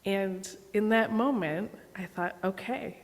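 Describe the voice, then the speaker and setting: A woman giving a sermon as guest preacher, telling stories and acting out dialogue in an animated way. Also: medium pitch, slow. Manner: animated storyteller, acts out dialogue. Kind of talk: sermon with storytelling. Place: church sanctuary. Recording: long church reverb.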